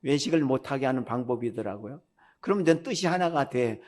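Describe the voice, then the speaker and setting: Blunt, lively older man preaching. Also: medium pitch, a little fast. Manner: blunt, direct and scolding; conversational Korean sermon with rhetorical questions. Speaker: retired pastor. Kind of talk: sermon.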